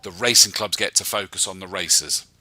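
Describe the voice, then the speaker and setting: A man's voice: low-pitched, moderate pace, bright, forceful tone, no room sound. A man hosting a racing club chat show, enthusiastic and talking in long run-on sentences. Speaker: host. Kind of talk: casual interview chat.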